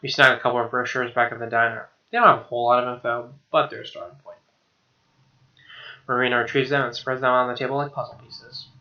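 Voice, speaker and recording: Reading visual novel narration aloud like a let's play streamer, a man talks fast at a medium pitch in a level, pushed, bright voice. He stays conversational, tosses in casual asides, and now and then stumbles over the lines. The mic sounds muffled and far off, with guitar music playing behind him.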